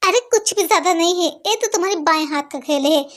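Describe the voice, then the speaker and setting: A woman's voice: very high voice, a little fast. A woman voicing every part of a fan-made dub, with playful, teasing lines. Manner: playful, teasing, animated dialogue. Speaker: fan dub voice-over artist. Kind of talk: hindi fan-dub dialogue acting. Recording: noisy home recording.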